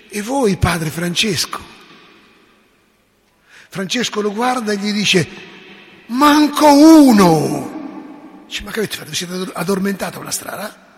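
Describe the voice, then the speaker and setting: A man with a high voice delivers a sermon in a church. He tells stories and acts out the dialogue, swinging from quiet to forceful. His voice rings out with the long reverb of a large hall. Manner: storytelling, acts out dialogue, emphatic swings in loudness. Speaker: priest.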